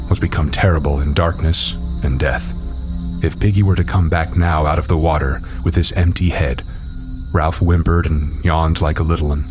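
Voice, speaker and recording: A man narrating a novel aloud in a measured, steady storytelling manner. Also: extremely low pitch. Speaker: audiobook narrator.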